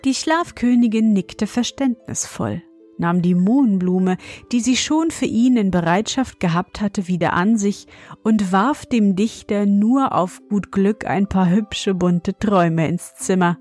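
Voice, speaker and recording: A woman reading a fairy tale aloud in a calm, measured and expressive way. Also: medium pitch, faint music behind. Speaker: storyteller.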